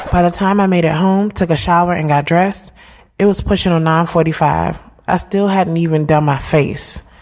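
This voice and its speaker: A woman with a low, somewhat mellow voice, lightly acted, plays a sassy, candid thirty-year-old. As narrator and lead of an audio drama series, she tells her own story in slangy, conversational first-person narration with an urban-drama feel.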